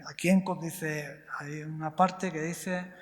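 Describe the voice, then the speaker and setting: A man's voice: fairly high pitch, fairly even intonation. A man preaching a sermon, asking the congregation questions and answering them himself, often adding short tag questions. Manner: frequent tag questions, slow deliberate emphasis. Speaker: pastor. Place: church hall. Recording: long reverb of a church hall.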